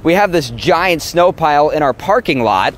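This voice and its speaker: A man's voice: a little high, lively intonation, normal speed. A young man giving a live television weather report from outdoors. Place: outdoors in a snowy parking lot. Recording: faint outdoor street noise.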